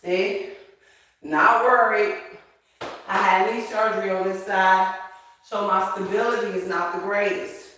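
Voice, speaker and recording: A woman's voice: medium pitch, fairly even intonation, unhurried, long pauses, a bit bright, a little hiss or hum. A middle-aged woman leading a casual home workout while exercising, counting reps aloud and coaching informally with effort in her voice. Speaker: workout host. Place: echoey room at home. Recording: very echoey room, distant mic.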